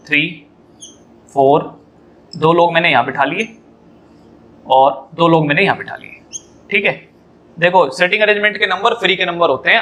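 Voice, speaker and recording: A man's voice: high voice, bright, forceful tone. A man teaching a reasoning lesson at a whiteboard, explaining step by step, repeating key points and putting questions to his students.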